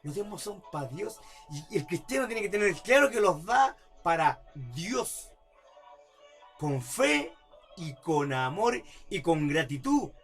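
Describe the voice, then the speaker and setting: Pastor man preaching in church, really high voice, keeps asking the crowd questions, faint music behind. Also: very animated, slow, fairly bright tone. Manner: preaching with repeated rhetorical tag questions, building to emphatic outbursts. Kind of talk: sermon. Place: church service.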